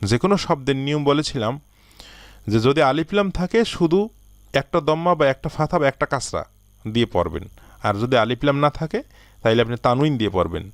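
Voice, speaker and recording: A man teaching an Arabic lesson, slowly reading out word lists and asking learners to answer. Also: medium pitch, animated, no room sound, clean studio sound. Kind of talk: recorded language lesson.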